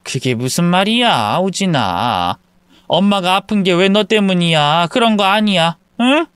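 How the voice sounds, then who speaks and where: A man voicing a middle-aged mother who softly reassures her son. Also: high voice, expressive, measured pace, clear, resonant tone, dry recording, pitched above the performer's own voice. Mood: soothing. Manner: soft, reassuring.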